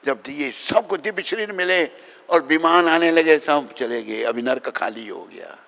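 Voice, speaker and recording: Man, swami, devotional sermon, emphatic and exhorting, gravelly voice, echoing hall. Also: fairly high pitch, lively intonation, measured pace, fairly bright tone. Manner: emphatic, exhorting, questions and calls to the audience. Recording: reverberant hall sound.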